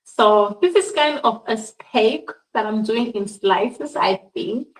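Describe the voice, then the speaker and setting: A woman's voice: fairly high pitch, animated, slow pace, far from the mic. A woman giving a casual cooking demonstration in her home kitchen, chatting to her viewers and often calling them guys. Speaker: cooking vlogger. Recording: echoey kitchen, voice off-mic.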